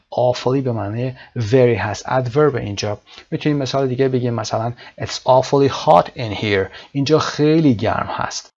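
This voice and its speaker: Guy teaching english, explains each word, kinda dull lo-fi sound. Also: medium pitch. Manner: explanatory, switches between English and Persian. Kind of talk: bilingual language lesson. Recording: slightly dull lo-fi recording.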